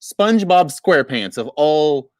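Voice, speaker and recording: Sarcastic man with a lively voice. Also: fairly high pitch, measured pace, no room sound, clean studio sound. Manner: wry, sarcastic, laughs at own jokes. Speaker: podcast co-host. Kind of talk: casual chat.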